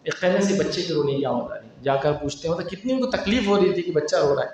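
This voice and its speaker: A male preacher from India giving a sermon, telling stories in an animated way and acting out the quotes. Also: on the high side. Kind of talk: sermon storytelling. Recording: echoey hall, distant mic, faint noise.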